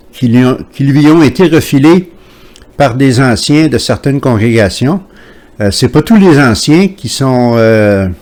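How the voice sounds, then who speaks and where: A man from Quebec hosting his channel from home, talking to camera in a hesitant way with many pauses. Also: mid-range voice, darkish tone. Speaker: channel host. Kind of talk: casual commentary to camera.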